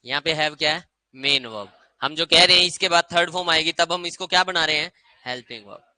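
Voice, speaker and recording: A man's voice: on the high side, brisk, bright, forceful tone, dry recording. A man teaching English grammar to a class, quizzing students and having them repeat rules aloud. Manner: drills students with call-and-response repetition; quizzing, asks many short questions.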